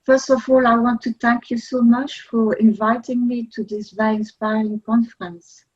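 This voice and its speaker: A woman gives a conference presentation, polite and earnest, her voice a little high and husky. The sound comes through as a dull, lo-fi video call. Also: little pitch movement, normal speed. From Belgium. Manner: polite and earnest, slightly non-native phrasing. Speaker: conference speaker. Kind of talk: presentation talk.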